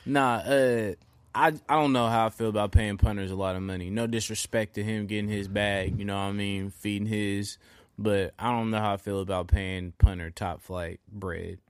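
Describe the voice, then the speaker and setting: A man co-hosting a sports podcast in loose, profane casual chat, telling animated stories. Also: on the low side, moderate pace, clean tone, no echo. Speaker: podcast co-host.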